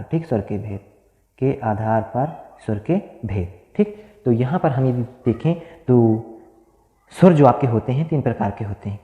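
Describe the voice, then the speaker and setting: Male grammar teacher, drills terms with rhetorical questions, tinny phone-like audio, long reverb. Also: mid-range voice. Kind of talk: grammar lesson at a board. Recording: echoey room, tinny phone-like sound.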